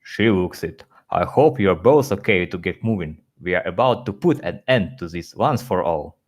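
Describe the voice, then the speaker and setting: A man reading out pony characters' lines in a louder, animated voice for an audio fanfic. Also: deep voice, normal speed. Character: various pony characters, male and female.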